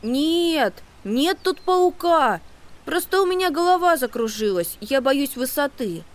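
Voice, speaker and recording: A high, excitable little boy mouse from a storybook audiobook, voiced by the reader. He is restless and jumpy, quick to fret and complain in a raised voice. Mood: flustered. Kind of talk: audiobook character voice.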